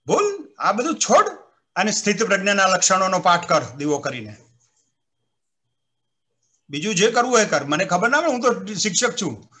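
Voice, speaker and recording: A man, a retired civil servant, giving an animated storytelling talk on a video call, acting out quoted voices and reciting verse. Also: sits high, moderate pace, pauses often. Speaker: retired civil servant speaking at a literary event. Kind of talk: anecdotal speech at an online literary program.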